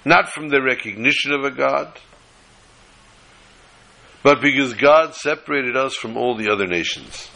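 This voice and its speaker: Rabbi, man, mid-pitched and bright, didactic delivery of a Torah lesson. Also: vocal fry. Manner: deliberate, didactic, repeating phrases for emphasis. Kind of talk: religious lecture, reading and explaining texts.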